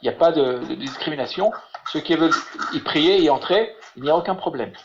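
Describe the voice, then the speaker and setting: A man teaching Hebrew in an online lesson over a video call. He talks haltingly, repeating words and filling with "voilà". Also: fairly high pitch, creaky, background noise. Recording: muffled lo-fi web call audio.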